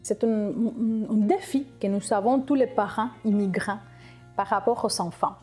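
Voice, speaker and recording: A middle-aged woman from Cuba, speaking French, telling her immigration story in an interview, reflective and halting with frequent restarts. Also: medium pitch, warm tone, soft background music. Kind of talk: personal testimony interview.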